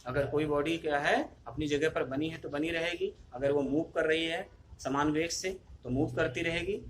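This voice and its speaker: A man's voice: fairly high pitch, fairly bright tone, slight background noise. Man teaching a physics lesson. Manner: repeats points and asks himself questions. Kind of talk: classroom lesson video.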